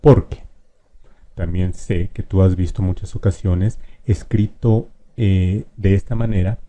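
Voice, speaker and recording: Patient male teacher, dark voice. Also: on the low side. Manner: patient, addresses the viewer directly, stretches example words slowly. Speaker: language teacher. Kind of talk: explanatory lesson on spelling.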